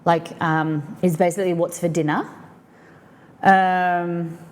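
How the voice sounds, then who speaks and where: A woman's voice: fairly low pitch, little pitch movement, slow, a little hiss or hum. Chatty Australian woman streamer. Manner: rambling, lots of fillers, explaining slang to chat. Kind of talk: casual chat.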